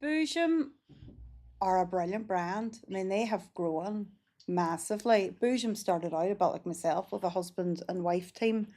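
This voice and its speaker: A woman's voice: mid-range voice, lively intonation, measured pace, warm tone. Woman, founder, earnest and direct, mid-range voice. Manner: frank and earnest, with frequent 'um' and restarts. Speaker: business founder, podcast guest. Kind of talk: casual interview chat.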